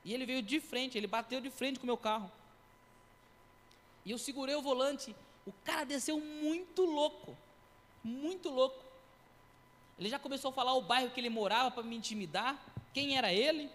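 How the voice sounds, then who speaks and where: High-voiced man preaching in a reverberant hall. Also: normal speed, pauses often. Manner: animated storytelling with acted quotes and sound effects. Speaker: preacher giving a testimony. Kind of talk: sermon testimony. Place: church.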